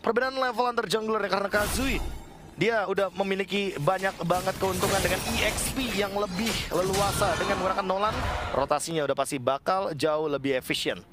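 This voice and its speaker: Fast, high-voiced male esports analyst. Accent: Indonesian. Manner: explanatory, conversational. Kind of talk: live game analysis commentary. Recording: music behind the voice. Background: background music.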